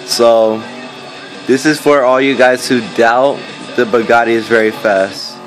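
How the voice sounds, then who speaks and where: Game music runs underneath as a fourteen-year-old boy, who makes gaming videos, rambles casually and hesitantly about his gameplay. He is indoors, filming a game on a screen with a handheld phone. His male voice is medium-pitched, steady, and unhurried, and the audio quality is poor.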